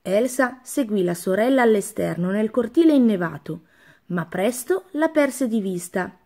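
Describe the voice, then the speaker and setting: A woman's voice: mid-range voice, animated, moderate pace, a little mellow. Woman reading a children's story.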